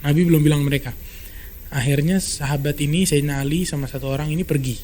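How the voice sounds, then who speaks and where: A man telling a story in a casual podcast chat, brisk and animated, acting out quoted dialogue. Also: on the high side. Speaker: storyteller guest.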